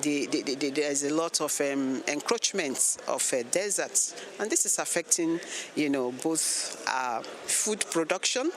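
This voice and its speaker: A woman's voice: low-pitched, a little slow. A woman with a Nigerian English accent, a teacher and NGO delegate, answering an interview in earnest, sometimes repeating words as she searches for them.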